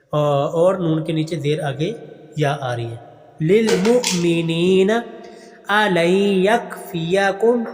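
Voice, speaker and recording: A man teaching Quran recitation online. He chants each verse slowly and drawn out, then explains the pronunciation rules quickly and more softly. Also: sits high. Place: online class recording. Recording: long reverb with faint music.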